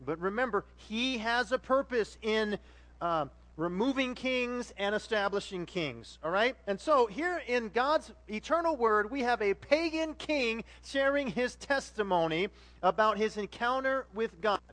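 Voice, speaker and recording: High-voiced man preaching conversationally. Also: measured pace. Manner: animated storytelling, addresses the congregation directly. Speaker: pastor. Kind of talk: conversational sermon.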